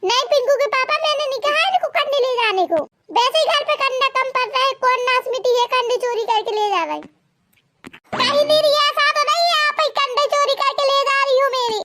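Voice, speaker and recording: A young village wife in a cartoon, dutiful to her elders yet quick to speak bluntly, voiced by a woman. Her voice is pitched extremely high and squeaky. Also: bright, forceful tone. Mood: suspicious. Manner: polite to elders, blunt and suspicious when wronged. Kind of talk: cartoon voice acting.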